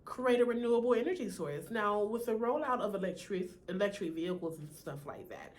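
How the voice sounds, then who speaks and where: A woman's voice: mid-range voice, animated, a little fast. An American woman with a slight lisp from braces, chatting casually to her viewers as a sassy, talkative video host. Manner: sassy and chatty, peppered with "honey", "you know" and "right?".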